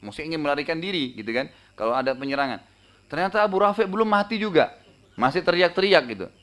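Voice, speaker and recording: A male Islamic preacher retelling a story in a sermon, in a lively way, often tagging his lines with a casual filler and raising his voice for the story's shouts. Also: on the high side, fast.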